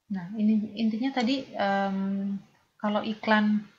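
A woman teacher with an Indonesian accent, giving an English lesson in Indonesian and reading English phrases slowly so students can repeat them. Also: mid-range voice, fairly even intonation. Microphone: lapel mic. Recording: dull lo-fi recording with faint ambience.

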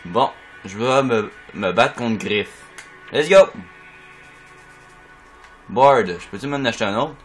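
A man with a Quebec French accent, chatting at home through casual gameplay commentary in an excitable, joking way. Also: medium pitch, slow, long pauses, slightly rough. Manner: excitable, chatty, makes silly sound effects. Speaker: gamer. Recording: faint music behind.

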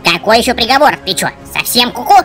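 A performer voicing a cocky, excitable male cartoon corgi with a brash, slangy, dramatic manner. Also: mid-range voice, fast, music in the background, natural voice. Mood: baffled. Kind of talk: comic cartoon dog voice-over.

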